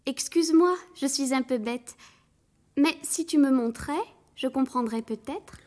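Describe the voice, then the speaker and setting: High singsong little boy, as a woman voices him. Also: animated, a little slow. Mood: sly. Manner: sings gentle lullaby-like refrains. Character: little boy Jeannot, a young fisherman, clever. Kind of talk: storybook character voice.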